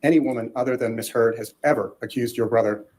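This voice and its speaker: Male attorney, formal courtroom examination, fast-moving delivery, medium pitch. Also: steady tone, darkish tone, slight background noise. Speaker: lawyer examining a witness.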